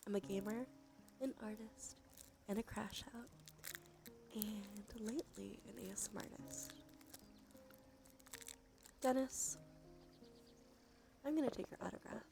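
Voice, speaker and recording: With music in the background, a woman streams ASMR in a soft, chatty, unhurried manner right up against the mic. Her mid-range voice is breathy, whispery, and edged with vocal fry; she keeps a measured pace, pauses often, and frequently lapses into whispers.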